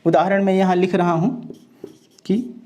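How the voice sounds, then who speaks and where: A man teaching Hindi grammar in an exam-prep lecture, explaining slowly and repeating each point, reciting verse lines with careful stress. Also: sits high, level tone, darkish tone.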